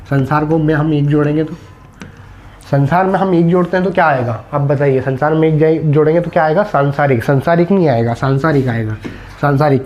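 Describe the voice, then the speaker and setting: A man's voice: on the high side, darkish tone, highs cut off, a little hiss or hum. A man teaching a Hindi spelling lesson for exam students, explaining step by step and answering his own questions.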